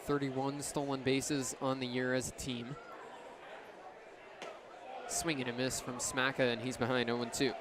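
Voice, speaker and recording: Speaking a little slowly and pausing often, this young adult man gives live radio commentary on a baseball game. His mid-range voice stays level as he delivers short, descriptive calls, while the outdoor stadium crowd and surrounding noise carry through the recording.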